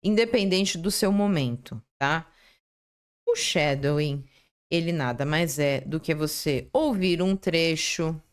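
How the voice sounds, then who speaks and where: A woman in her thirties teaches an online lesson in a low voice with a very lively, swooping pitch. She checks in with her viewers through short tag questions and restarts her sentences as she goes. She sounds close to the mic, talking over a screen share. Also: clear, resonant tone. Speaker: English teacher.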